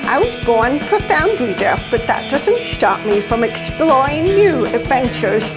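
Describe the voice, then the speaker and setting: A woman from Taiwan hosting a travel show, presenting with eager, lively energy. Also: sits high, a little slow, poor audio. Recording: loud music bed under voice.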